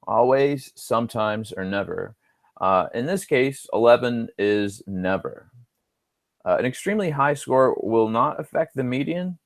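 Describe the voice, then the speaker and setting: A man's voice: medium pitch, no echo. A male instructor talking through homework answers on screen, casual and thinking aloud with dry little asides. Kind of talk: screen-recorded homework walkthrough.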